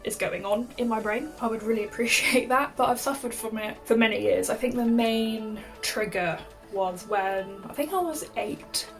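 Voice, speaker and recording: A woman's voice: on the high side, normal speed, faint music behind. A young woman, telling a story to camera in a chatty way, saying "like" a lot and laughing often. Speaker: vlogger.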